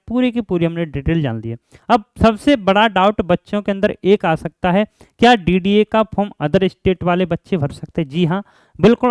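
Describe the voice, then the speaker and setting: A high-pitched man with a darkish, clean tone teaches an informal explainer lesson for job aspirants as an exam coaching teacher and channel host. He's repetitive, asks questions and answers them himself, and often adds check-in tags. There's no room sound.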